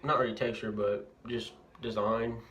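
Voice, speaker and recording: Young dude doing a casual review with a lip packed with dip, bit of noise in the bathroom. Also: male voice, fairly low pitch, level tone, moderate pace, a bit bright. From Louisiana, United States. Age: young adult. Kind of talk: casual vlog, product review. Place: indoors, bathroom at a house. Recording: noisy amateur bathroom recording, clicks.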